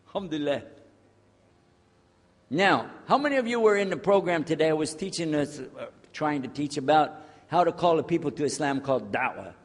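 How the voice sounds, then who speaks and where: A man's voice: a little high, expressive, normal speed, pauses often. A man giving a casual, joking lecture to a live audience, checking in with them as he talks. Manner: jokey, chatty, checks in with the audience. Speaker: speaker on Islamic outreach. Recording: long hall reverb.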